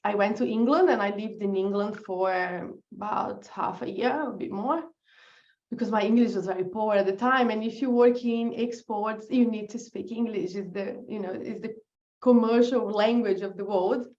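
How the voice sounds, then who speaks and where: A woman's voice: medium pitch, steady tone, normal speed, a little mellow, dull audio. A woman from Brazil with a Brazilian Portuguese accent, a guest in a casual interview who laughs often and sometimes searches for words. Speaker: guest, business founder.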